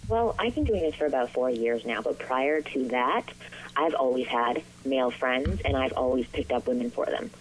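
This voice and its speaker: A woman's voice: a bass voice, lively intonation, moderate pace, a little hiss or hum. A woman dating coach answering interview questions on a phone call, earnest and encouraging, with a few ums.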